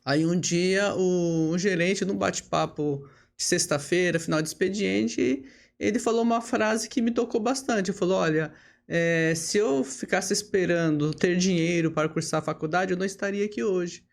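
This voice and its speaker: A woman, a lawyer telling her career story as a podcast guest, steady and full of tag questions and hesitation fillers. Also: lowish voice, normal speed, creaky. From Brazil. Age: 50s. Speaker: lawyer and bar association leader, podcast guest. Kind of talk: relaxed interview storytelling.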